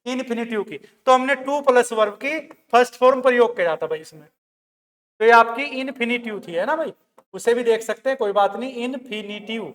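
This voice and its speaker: A man's voice: extremely high pitch, a little fast, a bit bright, long reverb tail. A man teaching a grammar lesson. He explains step by step, repeats key words and calls his students "bhai" and "beta". He reads examples.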